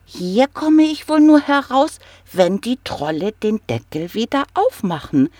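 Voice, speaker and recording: A storyteller voicing a tiny, cheeky young male goblin who talks in a bright, chirpy way. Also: mid-range voice, very animated, a little slow, dry recording, voice pushed up. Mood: thoughtful.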